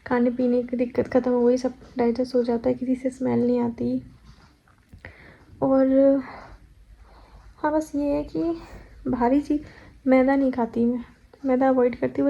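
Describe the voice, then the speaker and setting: Young woman rambling on in a home vlog, kinda gravelly, dull lo-fi sound. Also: high voice, warm tone. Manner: chatty, rambling, self-correcting. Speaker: vlogger. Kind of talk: casual pregnancy vlog chat.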